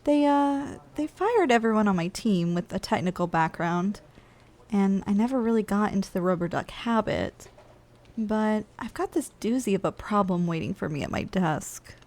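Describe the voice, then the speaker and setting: Speaking directly to the listener, a woman voices a playful, lazy giantess office worker in an intimate ASMR roleplay, coaxing and casually condescending. Her natural, mid-range voice has a darkish tone and lively intonation at a normal speed. The mood is casual and musing.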